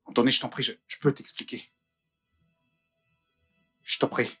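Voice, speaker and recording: An actor dubbing a guilty male doctor who tries to calm an angry visitor in a film. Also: mid-range voice, moderate pace, breathy edge, soft background music. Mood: nervous pleading. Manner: placating, pleading. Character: guilty male doctor, smooth then pleading. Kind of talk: dubbed film acting.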